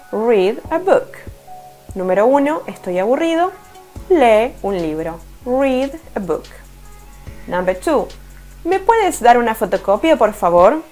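A woman's voice: on the high side, a little mellow. A woman with a Rioplatense Spanish accent who teaches English in an online lesson. She explains step by step, reading each English sentence and then translating it.

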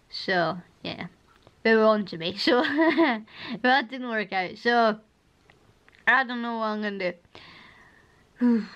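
A young woman from Scotland chats through a rambling home vlog in her living room, laughing often, with the camera held at arm's length. Her voice is strained and hoarse, fairly high-pitched and a bit bright, and the audio sounds dull.

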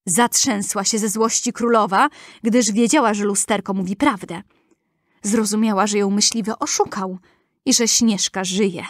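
Gentle woman reading a children's fairy tale. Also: mid-range voice, fairly even intonation, normal speed, no echo, clean studio sound. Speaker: storyteller. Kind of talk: scripted fairy-tale narration.

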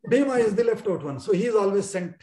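A man's voice: high voice, expressive, quick pace, warm tone, reverberant. A man teaching an online scripture class, explaining verses line by line with many fillers and chanting them for students to repeat, heard over a video call.

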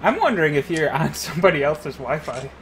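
Brief: slightly high male voice, joking gaming podcast host, hissy call audio. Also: animated, a little fast. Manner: teasing, laughing often. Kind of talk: casual group call chat. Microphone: computer mic on a group call.

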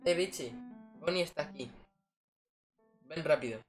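A woman's voice: low-pitched, moderate pace, soft background music. A woman chatting casually over a video game and reading its dialogue aloud.

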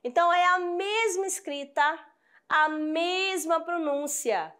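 Slow-speaking Brazilian woman teacher. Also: extremely high pitch, expressive, sharp tone. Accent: Brazilian Portuguese. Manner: patient, repeats examples with frequent check-ins; addresses students affectionately. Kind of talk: classroom grammar lesson.

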